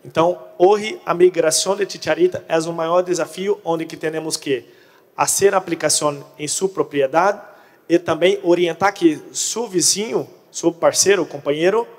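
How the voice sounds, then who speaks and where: Male conference speaker, Brazilian, native Portuguese, mixing in Spanish as portunhol. Higher-pitched voice, echoing hall. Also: moderate pace. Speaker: conference speaker on crop pest control. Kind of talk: presentation to an audience. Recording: echoey hall with long reverb.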